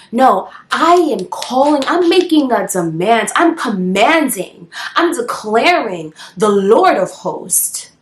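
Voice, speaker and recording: A woman preaching a devotional message, emphatic and repeating her declarations for emphasis. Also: a little high. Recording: echoey room.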